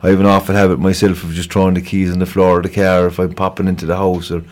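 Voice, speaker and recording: This Kerry-accented man talks fast in a deep, level voice. Appearing on local radio for an informal crime report interview, he makes a police appeal that's conversational and halting, with plenty of repeated words.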